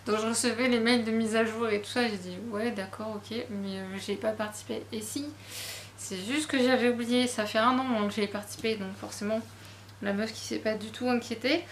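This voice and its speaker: Woman book vlogger, casual haul chat, chatty and self-deprecating, fairly high voice, roomy sound with faint noise. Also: fairly even intonation, brisk.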